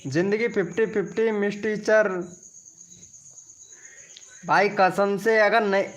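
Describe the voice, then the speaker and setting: A man's voice: high-pitched, steady tone, slow, a bit bright. A man hosting a casual live stream, chatting and teasing with his viewers.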